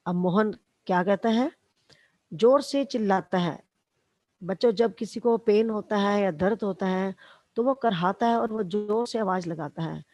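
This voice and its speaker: A woman's voice: medium pitch, darkish tone, no echo. A woman teacher reading a story lesson aloud to schoolchildren and explaining each line in simple words.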